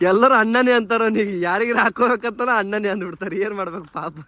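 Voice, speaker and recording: A man's voice: high voice, racing, bright, forceful tone. Teasing young man. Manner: teasing, mock-exasperated commentary. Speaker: comic narrator. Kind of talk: comedic sketch narration.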